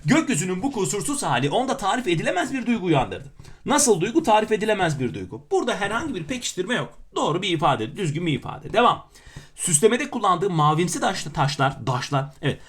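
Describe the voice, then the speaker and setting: Sitting high with big pitch swings, this man's breathy voice moves at a quick pace. He walks through exam questions to teach grammar, alternating emphatic explanations with playful digs at himself.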